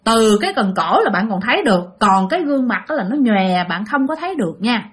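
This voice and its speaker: Animated woman storyteller. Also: a little high, quick pace. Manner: animated, conversational, addresses listeners. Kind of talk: ghost story narration.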